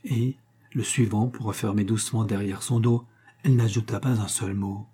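Husky, mellow male storyteller. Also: fairly low pitch, steady tone, moderate pace. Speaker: reader. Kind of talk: scripted narration of a literary tale.

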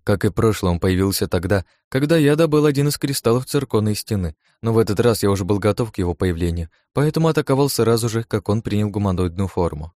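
Low-voiced male audiobook narrator. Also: expressive, fast, hardly any pauses, a little mellow. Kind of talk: first-person audiobook narration.

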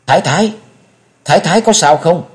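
A man's voice: medium pitch, sing-song, darkish tone, lightly acted. A man voicing a loyal, worried middle-aged woman servant in a storybook reading. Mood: anxious. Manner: hurried, worried.

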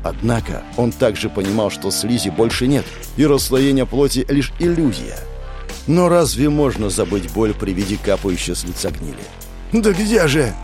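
A man narrating a fantasy audiobook with an expressive, dramatic delivery. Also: on the low side, normal speed, soft background music.

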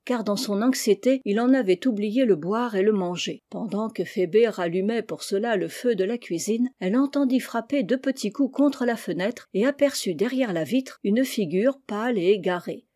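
A woman reading a children's novel aloud, narrating gently and giving the characters their lines. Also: medium pitch. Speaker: audiobook reader. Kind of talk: storybook narration.

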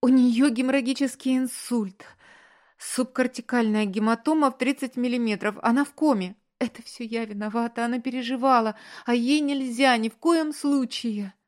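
A distraught young woman pours out bad news in a high, breaking, tearful voice, as a female narrator puts her on. The audiobook reading keeps her lifted well above the narrator's usual low register. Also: moderate pace, lightly acted.

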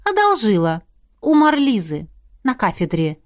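A woman reading the part of a bold, sharp-tongued young female magic student in a fantasy audiobook. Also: medium pitch, very animated. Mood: teasing, eager. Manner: cheeky, quick, teasing.

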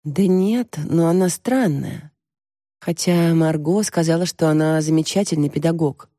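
Audiobook: woman reading a calm, weary mother, dry close sound. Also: sits low, no room sound. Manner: calm, measured, tired. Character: weary, gentle mother, worried and reserved. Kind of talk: audiobook character voice.

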